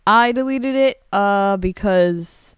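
Speaking slowly in a smooth, medium-pitched voice, this young woman streams herself drawing indoors at her computer via screen share. The dry recording is studio quality. She chats casually, rambling with hesitation, frequent swearing, and self-deprecating remarks.

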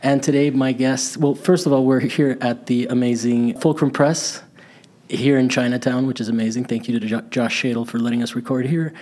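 A man in his forties hosting a podcast, chatting casually and rambling a little, recorded in a gallery on a boom-arm studio mic. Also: a little fast. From grew up in Costa Rica, Italy and Miami. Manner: relaxed, rambling, laughs easily. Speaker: podcast host. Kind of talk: casual interview chat. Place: gallery space, indoors. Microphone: studio mic on boom arm, headphones.

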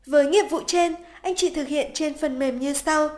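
A woman with a high, light voice reads scripted instructions for a software tutorial. Her delivery is polite, even and methodical, walking the listener through each step. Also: moderate pace. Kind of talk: scripted narration. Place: voice-over over screen recording.

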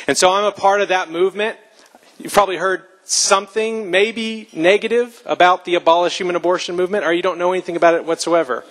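A man's voice: a little high, a bit bright. Earnest man giving an emphatic speech. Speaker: speaker. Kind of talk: public speech. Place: live talk before an audience.

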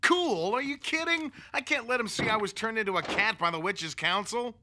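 A man's voice: sits high, moderate pace, noisy background, lightly acted. Salem, a man voicing a sarcastic cat. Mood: sardonic. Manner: sardonic, dramatic, wheedling. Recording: cartoon dialogue with music behind.

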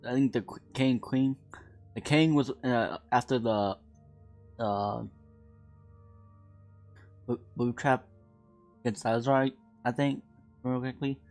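Casual male gamer host, rambling let's play commentary with hiccups, mid pitch, faint music behind. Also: darkish tone. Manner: rambling, many filler pauses. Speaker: gaming channel host.

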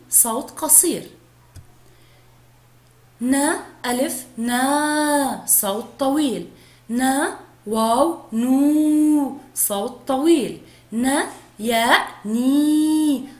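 Slow, clear high-voiced woman teacher. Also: echoey room. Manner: slow, clearly drawn-out speech to young children. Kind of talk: first-grade phonics lesson.

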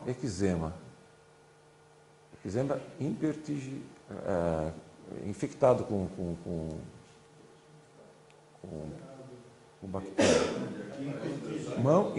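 A man's voice: lowish voice, a little mellow, a little hiss or hum. A man giving an informal classroom lecture, chatty, constantly saying "look" as he points at slides. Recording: echoey lecture hall.

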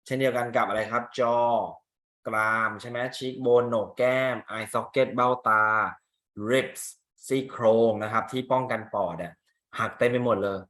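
A man's voice: medium pitch, level tone, unhurried, a bit bright. A man teaching English in Thai, talking through an exam reading and putting questions to his students, with a Thai accent on English words. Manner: chatty, asks students rhetorical questions. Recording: echoey room.

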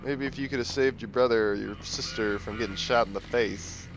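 Medium in pitch and a little fast, a male gaming host narrates a let's play against game music. He keeps up a joking patter, teasing the game's characters and talking over what they say.

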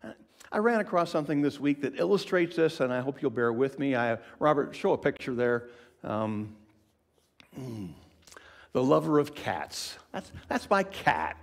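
A man preaching a sermon in an expressive, conversational way, asking the listeners questions and often dropping to a whisper for emphasis. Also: medium pitch, moderate pace, creaky. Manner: conversational, asks the congregation questions.

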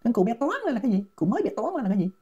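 A woman's voice: on the high side, very animated, racing, mellow, lo-fi sound, a little hiss or hum. A woman with a Southern Vietnamese accent, giving a mocking, scolding commentary rant. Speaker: online commentator. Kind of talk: ranting commentary.

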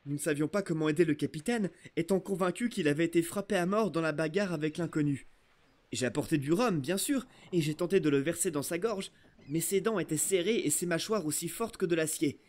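A man narrating an adventure novel aloud in an expressive, storytelling way. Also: fairly high pitch, brisk. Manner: expressive storytelling, first-person voice of a boy. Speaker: audiobook narrator. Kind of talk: scripted narration.

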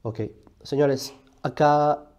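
A man from Colombia hosting his channel, calmly explaining his view with measured, halting phrasing that restarts often. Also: a little high, smooth, muffled recording. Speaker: channel host. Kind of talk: explanatory commentary to camera.

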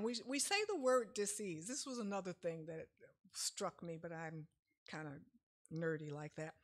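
A middle-aged woman with a mid-range, slightly bright voice gives a casual health seminar from a church lectern, using slides. She explains things in a chatty way with lots of fillers, and she's picked up from a distance in the sanctuary.

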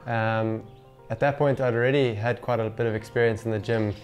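The speaker is a man in his twenties, a professional golfer being interviewed casually to camera on a lapel mic. He talks fairly quickly in a medium-pitched voice with fairly even intonation, indoors in a small home gym with background music.

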